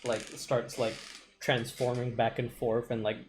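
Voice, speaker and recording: Man player, loose hesitant description, mid-pitched. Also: flat delivery, measured pace, a little hiss or hum. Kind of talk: casual tabletop play.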